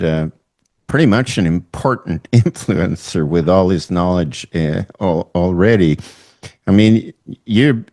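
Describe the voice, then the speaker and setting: A Swedish-accented man with a very low voice hosts the interview. He talks slowly and haltingly, pausing often with fillers as he sets out his questions. He is middle-aged. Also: a little mellow. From northern Sweden. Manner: slow, halting, with many fillers. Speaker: host. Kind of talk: online interview.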